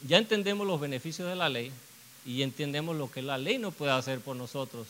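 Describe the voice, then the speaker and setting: A man's voice: a little high, expressive, brisk, fairly bright tone, a little hiss or hum, rough recording. A man preaching a sermon, earnest, asking rhetorical questions and repeating phrases for emphasis.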